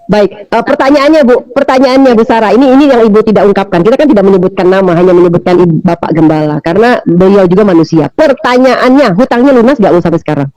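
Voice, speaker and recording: High-voiced fast-talking male host. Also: a little mellow, no room sound, rough recording. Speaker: interview host. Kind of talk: interview questions.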